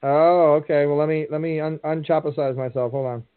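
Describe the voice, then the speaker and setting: A man's voice: fairly high pitch, steady tone, a little fast, clean tone, no room sound. A man talking casually over a remote internet call whose audio keeps chopping and breaking up, hesitating and restarting his words. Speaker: co-host on a call-in business show. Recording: tinny phone-line call, dry.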